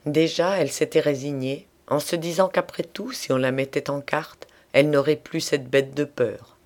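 A man narrating a literary audiobook in a measured, expressive reading. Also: on the high side.

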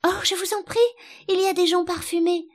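A woman's voice: medium pitch, big pitch swings, normal speed. A woman voicing a polite, curious little girl who talks eagerly and a little plaintively.

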